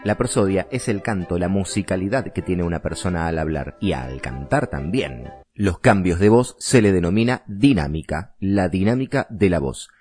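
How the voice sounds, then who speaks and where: A man's voice: sits low, animated, normal speed, darkish tone, soft background music. A man with a Rioplatense Spanish accent teaching voice imitation in a chatty, digressive way. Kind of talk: casual voice lesson.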